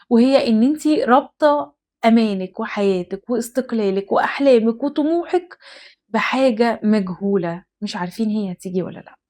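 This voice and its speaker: A young adult woman with an Egyptian accent, hosting an advice talk and speaking earnestly and emphatically, straight to the listener. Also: on the high side. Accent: Egyptian Arabic. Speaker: host. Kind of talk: direct-to-camera advice talk.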